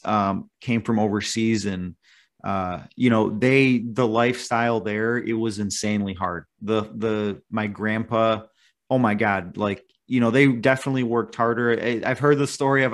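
A man's voice: lowish voice, fairly even intonation, moderate pace, a bit bright. Agreeable male podcast host. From United States. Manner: affirming, with frequent agreeing interjections. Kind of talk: podcast conversation.

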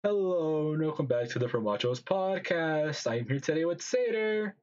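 A man's voice: a little high, expressive, moderate pace, dull audio. A male podcast host in casual, joking chat, his voice coming through with a half-robotic, glitchy sound. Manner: joking, bickering with co-hosts.

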